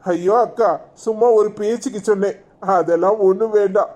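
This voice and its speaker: A woman's voice: mid-range voice, steady tone, normal speed, mellow, voice pushed down, close to an everyday voice. A woman voicing a playful young male groom in a cartoon, speaking with a Kanyakumari Tamil accent. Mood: teasing.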